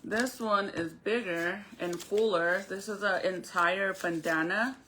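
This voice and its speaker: A woman's voice: medium pitch, slow pace, sharp tone, slight background noise, poor audio. A woman chatting casually on a live stream as she explains a craft, speaking informally to viewers with a retainer in her mouth. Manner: informal, conversational, addresses viewers directly.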